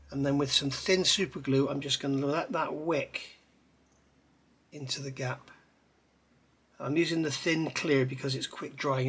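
A middle-aged man with a husky, medium-pitched voice talks through a scale model build at his indoor hobby workbench, chatting and rambling as his hands stay busy. It's a hands-on tutorial full of conversational asides, captured by an overhead camera above the bench.

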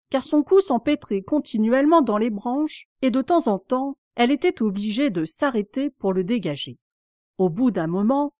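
A woman giving a calm, measured storybook narration as an audiobook reader. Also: fairly high pitch, no room sound, studio quality.

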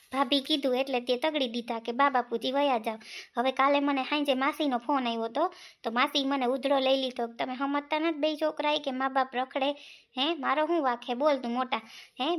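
A woman's voice: high-pitched, natural voice. A woman playing a grumbling, fed-up younger brother in a comic family skit, with a Kathiyawadi Gujarati accent and an argumentative, complaining way of talking. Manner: complaining, argumentative village talk. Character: man, Sandeep, a grumbling middle-aged younger brother.

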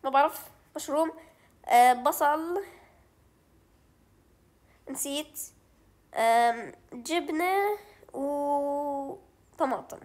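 A woman's voice: high-pitched, drawn-out words, pauses often, darkish tone. A young woman with a Levantine Arabic accent, chatting through a game as she plays, thinking aloud and mixing in English words. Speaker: gaming channel host. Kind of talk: let's play commentary.

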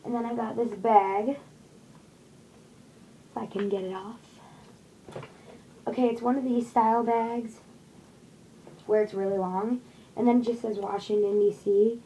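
A young woman chats through a shopping haul, rambling along with plenty of fillers. Her voice is mellow and soft-edged. It is caught on a desktop webcam in a small bedroom, with a faint hiss of room noise behind her. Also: fairly high pitch, fairly even intonation, takes it slowly, pauses often, poor audio. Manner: chatty, rambling, lots of fillers. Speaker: vlogger showing a shopping haul. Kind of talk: casual haul video. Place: small bedroom with posters, indoors. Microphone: webcam on desk at close range.

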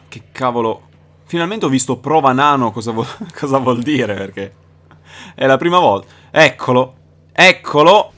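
A young man doing let's play commentary, excitable, swearing and shouting at the game. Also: fairly high pitch, a little hiss or hum. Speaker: gaming YouTuber.

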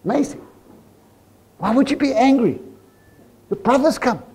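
A man with a South African accent preaching a sermon in church, animated and full of rhetorical questions to the congregation. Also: very high-pitched, a little slow, breathy edge. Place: church service.

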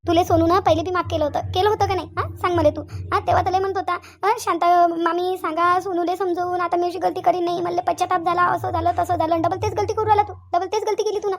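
A woman voicing a scolding village aunt, high and quick. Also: flat delivery, creaky. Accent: Vidarbha Marathi. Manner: loud scolding, repeating herself. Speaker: aunt Shanta. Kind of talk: cartoon dialogue acting.

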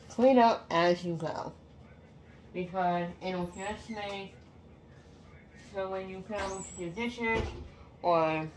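A woman's voice: medium pitch, background noise. A young woman chatting casually while cooking in a small home kitchen, rambling with many fillers and restarts, filmed on a phone close up. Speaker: cooking vlogger. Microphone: phone camera close up.

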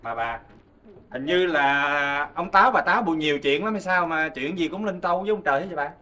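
A grumbling, skeptical husband who mocks his wife's rituals, rattling off quick complaints. His voice is fairly high and picked up from a distance on stage. The sketch has the tone of stage comedy. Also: expressive, pushed and bright. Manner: grumbling, mocking.

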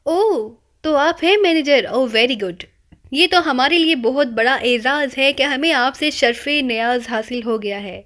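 A woman's voice: sits high, fairly bright tone. A woman voicing a cheeky young male spy who teases people with mock-polite, rambling wordplay, in an audiobook reading. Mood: playful teasing.

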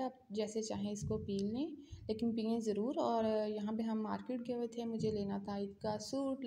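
Young Pakistani woman, home vlogger, warm higher voice, echoey room. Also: slight background noise. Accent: Pakistani Urdu. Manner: chatty, talks straight to viewers. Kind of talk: casual home vlog. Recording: echoey room, faint ambience.

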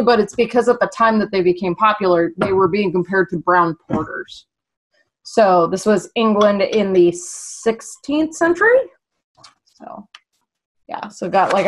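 A woman's voice: mid-range voice, fairly bright tone, low-quality recording. A woman co-hosting a casual beer review, chatty and giggly, reading facts aloud between sips. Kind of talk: casual chat.

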